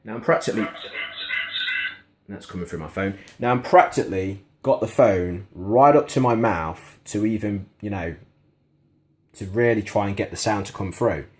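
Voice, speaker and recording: Here a man with a fairly low pitch and a darkish tone speaks at normal speed. He reviews and demonstrates a gadget indoors in a kitchen, casual and conversational but frankly critical.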